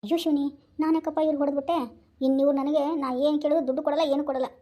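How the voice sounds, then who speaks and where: A woman's voice: high-pitched, level tone, very fast, dark tone, close to an everyday voice. A woman voicing a bossy young wife in a Kannada cartoon, with a North Karnataka accent, scolding and coaxing by turns. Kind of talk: cartoon voice acting.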